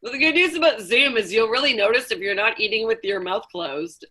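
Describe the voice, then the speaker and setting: A woman's voice: on the high side, fairly quick, pushed and bright. A woman chatting casually on a video call, joking in a self-deprecating way. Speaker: contest participant. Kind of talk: casual chat.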